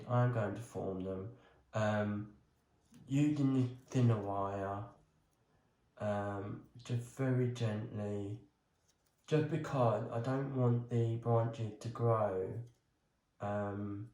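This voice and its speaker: A man's voice: on the low side, slow, darkish tone. A man vlogging casually as he works on a bonsai, talking himself through each step with a lot of hesitant ums. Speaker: crafting vlogger. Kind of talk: casual talk while working on a bonsai. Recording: roomy echo.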